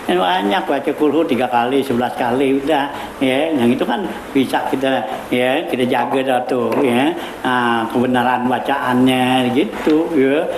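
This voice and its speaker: A man's voice: mid-range voice, normal speed. A man giving an informal religious study lecture, talking casually with many fillers and chuckles. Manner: casual, repetitive fillers, chuckles while teaching. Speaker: cleric teaching a weekly religious study circle. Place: prayer hall. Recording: echoey hall with background noise.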